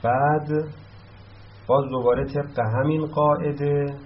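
A man teaching an Arabic grammar lesson, explaining each step and repeating word forms slowly. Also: a little high, fairly even intonation. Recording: dull lo-fi sound with faint noise.

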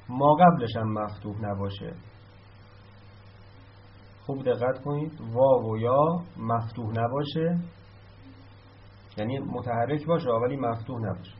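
A man teaching a grammar lesson, explaining step by step and chanting verb forms in a row. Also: medium pitch. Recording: dull lo-fi sound.

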